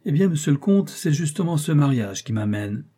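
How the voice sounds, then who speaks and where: A cunning, falsely humble agent in a period novel, as a narrator puts him on, polite on the surface but quietly menacing. The voice is raised in pitch above the reader's own. The tone underneath stays mellow and husky. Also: male voice, very animated, moderate pace. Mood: insistent. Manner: deferential on the surface, insistent and threatening. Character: sly, scheming man, a domestic-staff placement agent.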